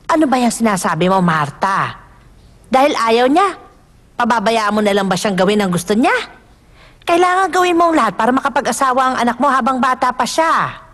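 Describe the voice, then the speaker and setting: A woman's voice: on the high side, animated, a little fast, fairly bright tone. A woman playing a pushy, meddling older matchmaker in a dubbed drama. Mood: insistent. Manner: pushy, insistent.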